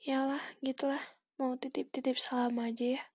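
A seventeen-year-old girl hosting a casual solo podcast from home, rambling softly in a half-whisper with lots of fillers. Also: high-pitched, flat delivery, moderate pace, breathy edge, no echo. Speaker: podcast host.

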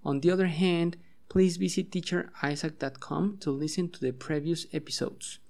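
A man's voice: on the high side, steady tone, measured pace, vocal fry, darkish tone. A man hosting a bilingual podcast lesson at home, patiently drilling words and having listeners repeat them. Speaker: English teacher and podcast host.

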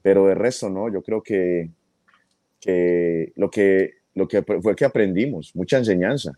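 Paisa-accented man, low mellow voice. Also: measured pace, no room sound. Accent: Colombian paisa. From United States. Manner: warm, laughing, repeats words as he talks. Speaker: guest. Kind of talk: casual interview chat.

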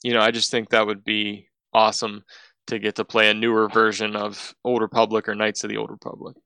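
A man's voice: on the low side, completely flat delivery, fairly quick, creaky, pushed and bright, smooth, no echo. A man co-hosting a podcast, chatting in an easygoing way with stammering restarts. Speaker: podcast co-host. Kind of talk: casual chat.

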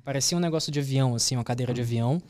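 A young adult man with a Brazilian Portuguese accent, a podcast guest telling a travel story in casual chat and lively acting out the people in it. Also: mid-range voice, rapid-fire, a little hiss or hum. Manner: lively, acts out voices of people in his stories.

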